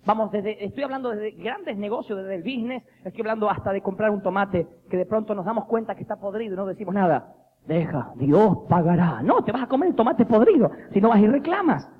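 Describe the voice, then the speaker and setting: A man preaches in a lively, joking storytelling style and acts out the voices he quotes. His voice sits high. The recording sounds dull and lo-fi, with faint noise behind him. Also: fast talker.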